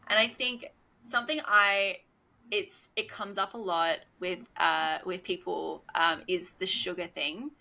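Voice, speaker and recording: Chatty female podcast host, slightly low voice with a bright edge, casual interview talk. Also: fairly even intonation, measured pace, creaky, poor audio. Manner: chatty, enthusiastic, many fillers.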